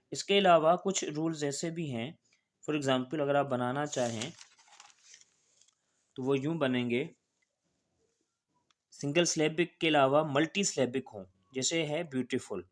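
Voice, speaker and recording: Patient male teacher spelling words aloud. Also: on the high side. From Pakistan. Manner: often checks in with the listener. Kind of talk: explanatory grammar lesson.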